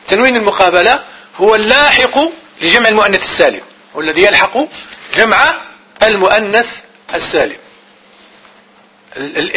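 A man teaching grammar in class, repeating definitions slowly as if dictating and asking his students questions he then answers himself. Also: high voice, sharp tone, slight background noise, rough recording.

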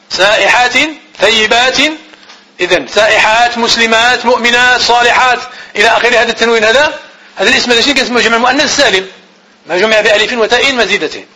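High quick husky teacher. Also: male voice, sharp tone, poor audio. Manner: repeats definitions slowly as if dictating; asks questions of students and answers them himself. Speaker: Arabic grammar teacher. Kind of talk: classroom grammar lecture.

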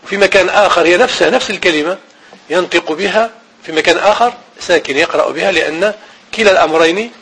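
A man teaching an Arabic grammar and Quran reading lesson, repeating each rule slowly and chanting the verses he quotes. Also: sits high, gravelly, fairly bright tone, husky, poor audio.

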